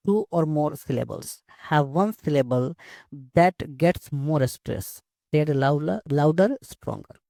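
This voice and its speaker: A male English teacher gives a bilingual lesson explanation, speaking slowly and steadily and often repeating the same words and phrases. His voice is a little high for a man but dark and gravelly, captured close up and dry with no echo.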